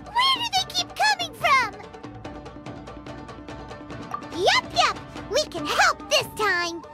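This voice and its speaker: An excitable little fairy sidekick from a video game. The voice is squeaky and extremely high, swinging about with childlike curiosity and blunt exclamations. Prominent music plays behind it. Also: female voice, a little slow, full character voice. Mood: excited. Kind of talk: video game character acting.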